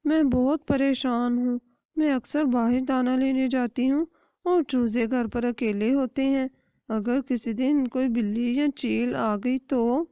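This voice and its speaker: A woman voicing a worried, gentle mother hen. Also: high voice, steady tone, no room sound, voice pushed up, natural voice. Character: anxious caring mother hen. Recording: dry, dull lo-fi recording.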